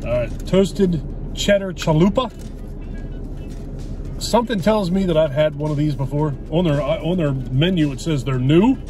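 A man's voice: a little high, moderate pace, music in the background. A middle-aged man chatting casually in a parked car, talking while chewing his food. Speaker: vlog co-host. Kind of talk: casual chat. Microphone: camera on the dashboard.

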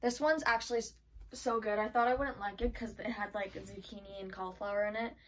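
A woman's voice: medium pitch, steady tone, fairly quick, recorded from a distance, low-quality recording. A woman vlogger chatting casually through a try-on haul, filling her talk with frequent "like". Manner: chatty, filler-heavy with frequent "like". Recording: voice from away from the mic.

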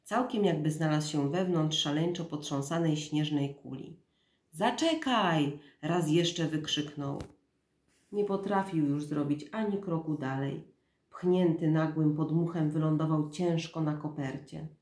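A woman in her thirties, a mother reading a storybook aloud in a soft, measured, quiet voice. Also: low voice, fairly even intonation, roomy sound.

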